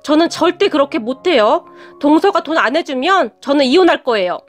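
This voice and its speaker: A greedy sister-in-law nags and demands in a high, lively voice, as a woman narrator plays her. She sounds pushy and irritated, never letting up. Soft music runs quietly behind her. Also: a little fast. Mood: whining, demanding.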